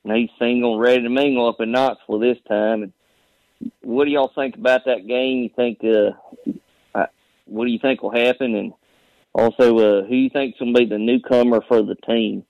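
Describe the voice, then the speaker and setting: Gravelly Appalachian man on a phone call. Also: medium pitch, fairly even intonation, normal speed, a little mellow, dry recording. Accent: Southern Appalachian. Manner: folksy, drawling storytelling. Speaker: phone-in caller. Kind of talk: casual chat. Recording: dull, band-limited phone call.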